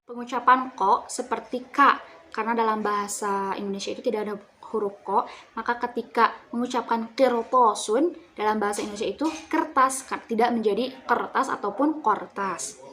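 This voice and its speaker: A woman's voice: a little high, moderate pace, a bit bright, a little hiss or hum. A young woman student giving a class presentation, explaining step by step with fillers and self-corrections.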